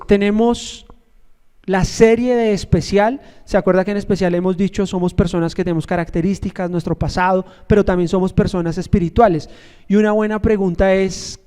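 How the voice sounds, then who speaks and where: A man's voice: sits high, dark tone, clean tone. A man, a pastor, preaching a sermon in a conversational storytelling way, joking and asking the congregation questions.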